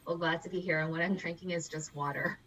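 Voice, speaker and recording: A woman guest on a casual podcast, born in Vietnam and raised in Ohio and Florida, cheerful and quick to laugh. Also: on the low side, steady tone, far from the mic, over a noisy crowd, low-quality recording. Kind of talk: casual chat.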